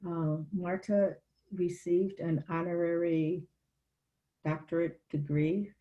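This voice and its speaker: An older woman, a college educator, introducing herself in a roundtable discussion with a measured, friendly manner. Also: lowish voice, fairly even intonation, dull audio.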